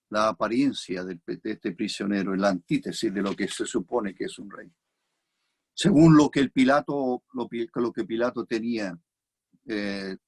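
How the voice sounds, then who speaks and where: Chilean male preacher, husky voice, reflective expository sermon, repeats phrases for weight. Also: lowish voice. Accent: Chilean Spanish.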